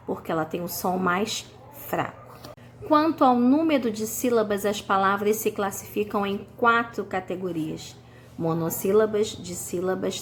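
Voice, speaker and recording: A woman's voice: medium pitch, slight background noise. A woman with a Brazilian Portuguese accent giving a recorded grammar lesson as a teacher, stretching out example words syllable by syllable and checking in often with "tá?". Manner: slow, drawn-out syllables when reading example words; checks in with frequent "tá?".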